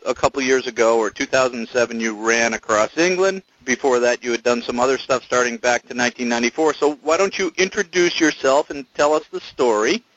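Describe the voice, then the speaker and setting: A man's voice: medium pitch, fairly quick, few pauses, a bit bright, dry recording, lo-fi sound. A man hosting an interview, asking playful, stumbling questions. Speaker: podcast host. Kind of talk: casual interview.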